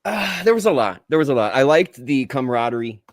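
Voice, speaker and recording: A man playing an easygoing young Spider-Man superhero, chatting casually and a little haltingly as a podcast guest reviewing a film. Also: medium pitch, very animated, no room sound, studio quality, lightly acted. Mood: enthusiastic.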